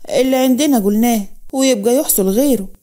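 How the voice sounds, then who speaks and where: A woman's voice: on the high side, quick pace, dark tone, close to an everyday voice. A woman with an Egyptian accent voicing an angry older village clan head who speaks in blunt threats. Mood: threatening.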